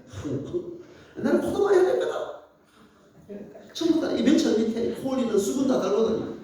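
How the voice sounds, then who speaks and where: A man preaching a sermon as pastor, telling playful stories in an animated way. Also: very high voice, quick pace. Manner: animated, playful storytelling with laughs. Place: church. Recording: echoey church hall, mic at a distance.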